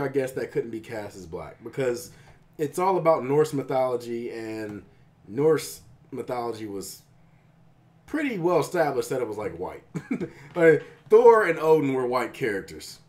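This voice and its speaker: A man's voice: medium pitch, very animated, normal speed, darkish tone. A man co-hosting a casual podcast chat, explaining his views in a hesitant, thoughtful way with many fillers. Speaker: podcast co-host.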